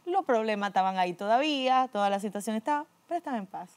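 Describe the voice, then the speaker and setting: A middle-aged woman, earnestly telling her personal faith testimony, often dropping to a quiet voice. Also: a little high, expressive, quick pace. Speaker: guest giving a testimony.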